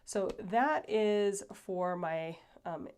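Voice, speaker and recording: A woman hosting a casual planner flip-through, chatty and rambling with many fillers, sounding a little stuffy and breathy. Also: medium pitch, drawn-out words, a little mellow. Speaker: planner channel host.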